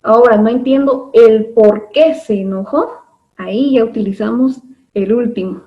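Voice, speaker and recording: Female teacher, patient and methodical, filler-heavy, slightly high voice, muffled video-call sound. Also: normal speed. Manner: patient, explains step by step with many fillers. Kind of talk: online class lesson. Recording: dull lo-fi online class audio.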